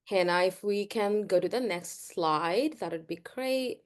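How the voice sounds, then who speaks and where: A woman from Bangladesh, leading an online workshop in an earnest, measured way with frequent "um" pauses, heard over a video call. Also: mid-range voice, soft background music. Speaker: workshop facilitator.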